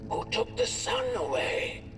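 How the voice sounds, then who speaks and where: A man voicing the Merkle, a small lonely female tree creature searching for the sun, in a high pleading voice. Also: unhurried, long reverb tail, close to an everyday voice. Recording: distant voice with music behind.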